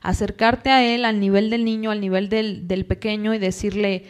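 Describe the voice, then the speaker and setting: Calm woman psychologist. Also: mid-range voice. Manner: calm, explanatory, acts out parents and children in quick quoted asides. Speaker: psychologist guest. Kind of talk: podcast interview.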